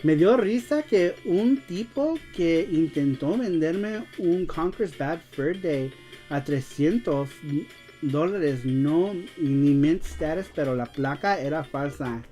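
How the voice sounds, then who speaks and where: An American man raised in Los Angeles hosts a laid-back live-stream chat in slangy, Mexican-flavored Spanish, a second language to his native English, so he often pauses to find words. His fairly high voice is animated and warm, with faint music in the background.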